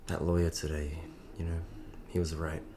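A man's voice: a bass voice, monotone, normal speed. An actor playing a troubled witness who doubts his faith, speaking in a subdued, weary way. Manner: subdued, weary, soft-spoken.

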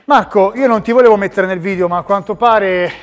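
High-voiced man hosting a gym vlog. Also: fairly quick, faint music behind. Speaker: host and powerlifter. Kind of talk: casual gym vlog banter.

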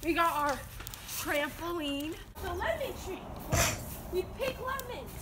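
A young woman vlogger films a joking, mock-boastful tour of a house and backyard on a handheld phone camera, giggling along the way. Her voice is extremely high with big pitch swings, and she speaks slowly. The phone audio sounds roomy, with background noise.

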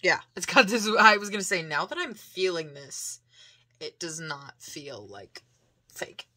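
A woman chatting casually to camera as she shows off a shopping haul, rambling with many fillers and laughs and now and then dropping into soft, breathy asides. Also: fairly low pitch, animated, a little slow. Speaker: vlogger showing a shopping haul.

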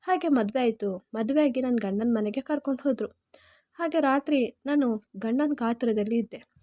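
A woman's voice: on the high side, warm tone, no room sound, muffled recording. A woman narrating an emotional first-person story in Kannada-accented speech, earnest and heartfelt.

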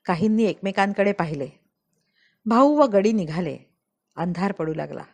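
A woman narrating a memoir as an audiobook, telling it in a deliberate, dramatic storyteller's manner. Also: mid-range voice, lively intonation. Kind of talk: expressive audiobook reading of a memoir.

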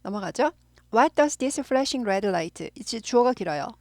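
A middle-aged woman who teaches English, explaining phrases in Korean and repeating them slowly for practice. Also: on the high side, animated, a little mellow, dry recording, clean studio sound.

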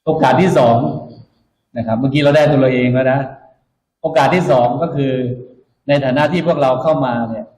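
A man's voice: mid-range voice, brisk, darkish tone. A man speaking as a military officer to new recruits, instructive and emphatic, repeating his key points in a motivational orientation speech. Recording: echoey room, dull muffled sound.

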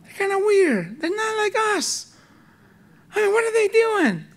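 A man doing a chorus of bewildered angels, their voices jumping up high in a sermon story. They fire off incredulous, exclaiming questions. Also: very animated, a little slow, heavily acted. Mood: baffled. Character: bewildered chattering angels watching humans. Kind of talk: acted quote in a sermon.

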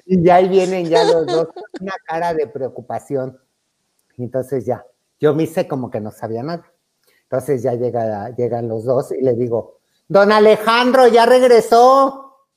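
A woman's voice: extremely low pitch, dark tone. A woman with a Mexican accent telling a funny anecdote in a casual chat. She acts out the voices of the people in her story and laughs often. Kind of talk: casual anecdote among friends.

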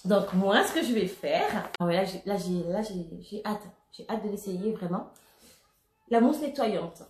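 A woman's voice: medium pitch, unhurried. Chatty woman vlogging in an echoey room. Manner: chatty and excitable, frequent laughs and fillers. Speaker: beauty vlogger. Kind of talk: casual product unboxing chat.

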